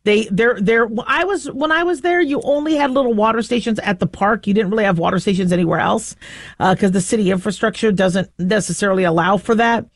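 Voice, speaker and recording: A woman's voice: medium pitch, fairly quick, dry recording, clean studio sound. Opinionated American woman hosting talk radio. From southwestern United States. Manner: opinionated, rambling, outspoken. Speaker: radio talk show host. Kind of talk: casual talk radio monologue.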